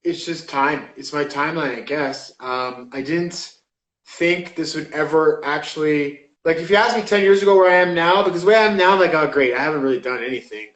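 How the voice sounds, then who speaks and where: A man's voice: a little high, fairly even intonation, moderate pace, a bit bright, roomy sound, rough recording. A man in his thirties, a pro fighter, chatting casually in an interview, rambling with lots of fillers. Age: 30s. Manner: rambling, lots of likes and uhs.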